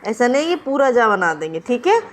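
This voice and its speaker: A woman's voice: fairly high pitch, big pitch swings, a little fast. A woman teaching an online exam-prep class. She explains each point, repeats key words, and checks in with students often.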